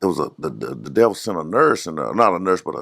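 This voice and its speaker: A man with a Dallas accent, a podcast guest telling stories in a slow, laid-back way and acting out the people he quotes. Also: deep voice, big pitch swings, vocal fry, fairly bright tone, no echo, studio quality. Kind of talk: storytelling in a podcast interview.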